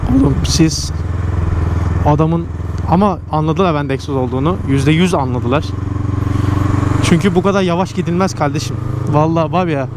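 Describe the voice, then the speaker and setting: A man's voice: a little high, moderate pace, pauses often. A man giving casual, slangy, exclamatory commentary as a motorcycle vlogger, speaking from inside his helmet while riding. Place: outdoors, riding a motorcycle through traffic. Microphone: microphone inside a motorcycle helmet. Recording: loud motorcycle and wind noise.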